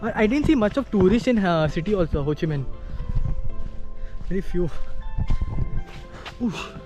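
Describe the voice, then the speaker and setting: A man's voice: sits high, expressive, moderate pace, a little mellow, faint music behind. A man vlogging casually outdoors as he sightsees, slangy and sweary, calling his companion bro and dude. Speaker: travel vlogger. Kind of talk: casual chat while sightseeing. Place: outdoors at a tourist site.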